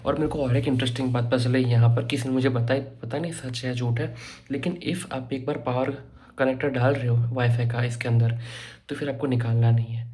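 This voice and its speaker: A young man from India talks quickly and chattily, tossing in joking asides as he shows off his student room. His voice is dark and mellow, held to a flat, even pitch. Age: young adult. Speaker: vlogger. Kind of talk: casual vlog walkthrough.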